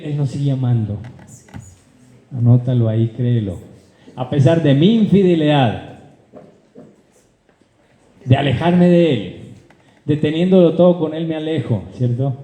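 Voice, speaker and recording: Man preaching, higher-pitched voice, mellow tone, loud bursts and quiet asides, rhetorical questions, echoey church hall. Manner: animated preaching, swings from loud high calls to low asides; addresses the congregation directly, asks rhetorical questions. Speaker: pastor. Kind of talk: sermon.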